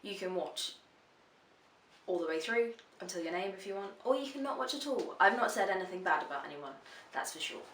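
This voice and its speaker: A woman in her twenties answers viewer questions in a frank, chatty vlog Q&A, swearing freely. Her medium-pitched voice is expressive, a little fast and fairly bright, with slight hiss or hum, roomy echo and some distance from the mic.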